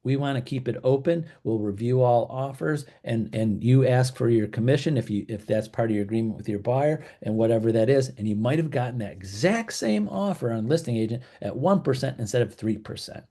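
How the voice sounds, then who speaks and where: A man's voice: medium pitch, brisk, few pauses, dark tone. A middle-aged man, a real estate broker, giving casual advice and acting out what clients and agents might say. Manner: conversational, acts out quoted people.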